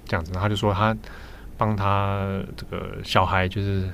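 Taiwanese guy hosting a podcast, lowish voice, faint noise under it. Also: flat delivery, moderate pace, a bit bright. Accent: Taiwanese Mandarin. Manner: chatty storytelling, laughs easily. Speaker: podcast host. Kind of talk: casual chat.

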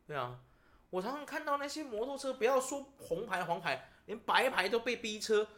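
A man's voice: sits high, normal speed. A man with a Taiwanese Mandarin accent hosting a podcast, telling stories and ranting in casual chat. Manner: animated, ranting storyteller. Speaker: podcast host.

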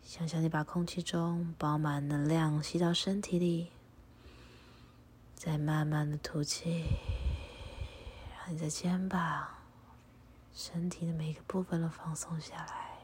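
A woman leading a guided meditation and prayer, speaking softly and calmly, often in a half-whisper. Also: low voice, a little hiss or hum. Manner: soft, breathy, often half-whispered delivery; slow, calm, instructive.

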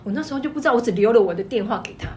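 A woman with a Taiwanese Mandarin accent rattles through her shop stories at a brisk clip, her voice sitting a little high. She talks in an animated, emphatic way. A faint hum of room noise sits under her. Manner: animated, fast-talking, emphatic. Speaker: guest, clothing shop owner. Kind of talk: casual storytelling chat.

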